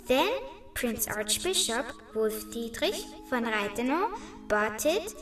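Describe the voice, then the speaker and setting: A woman voicing the friendly male ghost of an old instrument builder, speaking gently and reassuringly in an audio-guide story. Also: on the high side, lively intonation, slow pace. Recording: echoey, distant, over loud music.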